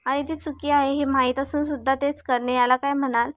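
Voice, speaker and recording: A woman's voice: high-pitched, flat delivery, fairly quick, no room sound, clean studio sound, lightly acted. Cocky rich young man, read by a woman. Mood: insistent.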